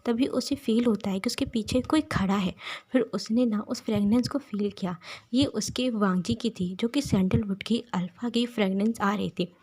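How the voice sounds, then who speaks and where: A woman's voice: medium pitch, moderate pace, a little mellow, breathy edge. A woman telling a romantic fan-fiction story in a conversational, repetitive way with frequent fillers.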